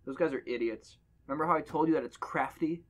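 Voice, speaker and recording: A man with a slightly high voice talks fast as he reads a horror story aloud to friends on a podcast. He voices the dialogue and cracks jokes between passages, keeping it a casual reading full of banter.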